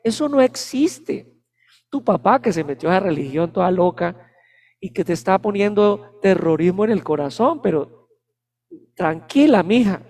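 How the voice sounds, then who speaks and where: A man voicing a mother who calms her frightened young daughter, in a high-pitched voice. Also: moderate pace, exaggerated voice. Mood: soothing. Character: worried mother soothing her little girl.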